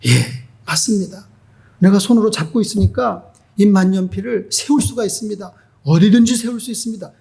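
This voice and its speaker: A pastor acting out a calm, earnest missionary who speaks gently and persuasively. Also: male voice, high voice, brisk, gravelly.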